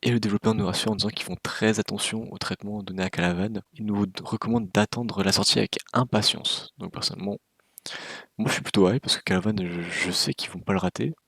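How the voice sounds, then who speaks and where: A man's voice: on the low side, fairly even intonation, quick pace, fairly bright tone, breathy edge, dry recording. A man giving casual, opinionated game news commentary with a wry, candid manner, speaking close to the microphone. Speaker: gaming video creator.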